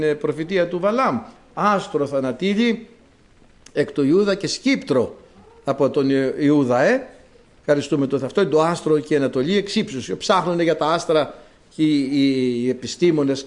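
A man preaching a sermon, dramatic, swinging between loud exclamations and low asides.

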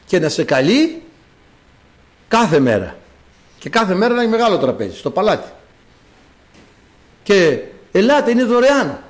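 A man's voice: sits high, very animated, pauses often. A man preaching a sermon, explaining words to the congregation and calling out quoted lines in a raised voice.

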